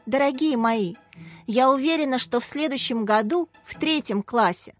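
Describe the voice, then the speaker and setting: A woman's voice: high voice, normal speed, soft background music, pitched above the performer's own voice, lightly acted. A woman voicing a kind young female class teacher who encourages her pupils. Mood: encouraging.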